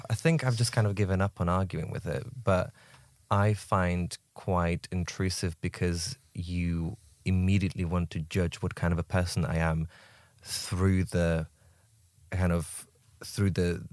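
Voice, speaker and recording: A man with a low-pitched voice talks through his thoughts in a casual podcast chat. He speaks reflectively and often pauses mid-phrase to find his words. The recording is dry and close, with no room echo. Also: steady tone, a little mellow.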